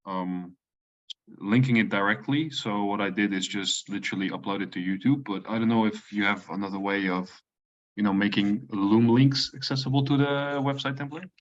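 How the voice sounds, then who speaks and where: A man asking questions on a video call, halting and full of fillers. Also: fairly low pitch, steady tone. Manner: halting, many likes and ums. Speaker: caller. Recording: dull lo-fi call audio.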